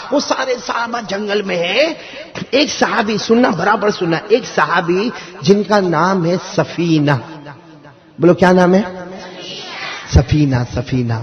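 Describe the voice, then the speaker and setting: A man telling a religious story to children in a lively way, often asking them to answer back. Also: high voice, lo-fi sound. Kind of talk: animated storytelling to a young audience.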